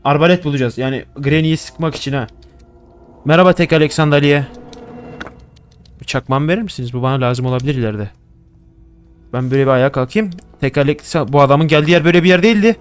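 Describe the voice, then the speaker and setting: A man's voice: a little high, quick pace, pauses often, clear, resonant tone, faint music behind. Jumpy young man swearing at a horror game. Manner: jumpy, swears a lot, talks to objects in the game. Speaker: gaming YouTuber. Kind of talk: casual horror game commentary. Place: home room.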